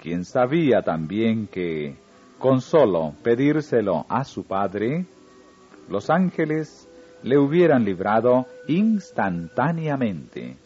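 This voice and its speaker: A man reading a religious story aloud in a slow, solemn narrating manner. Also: mid-range voice, sing-song, darkish tone, slightly rough. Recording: dull lo-fi recording with faint music.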